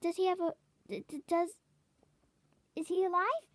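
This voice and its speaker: A woman's voice: very high voice, moderate pace, no room sound, voice pushed up. A woman voicing an anxious, loving mother who stammers when frightened.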